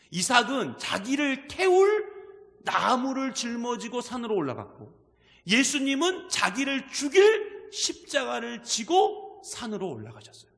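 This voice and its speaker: A man preaches with a fairly high voice that swoops up and down. He talks to the congregation and keeps asking them questions. The sound carries a long church-hall reverb. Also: sharp tone. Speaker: pastor. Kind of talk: sermon.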